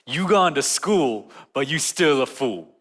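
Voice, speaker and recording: A blunt, teasing Southern friend, put on by a man preaching, who drawls out his rebuke in a bright, slightly distant voice. A long church-hall echo trails the words. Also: a little high, lively intonation, measured pace.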